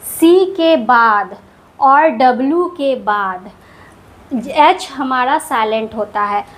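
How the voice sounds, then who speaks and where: Lady teaching english reading rules, slow and careful, says each word twice. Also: high-pitched. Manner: slow, repeats example words deliberately. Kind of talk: explaining pronunciation rules.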